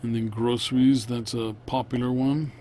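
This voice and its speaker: A man narrating a casual vlog, unscripted, in a halting, plain-spoken way. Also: medium pitch, flat delivery, mellow, a little hiss or hum. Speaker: vlogger.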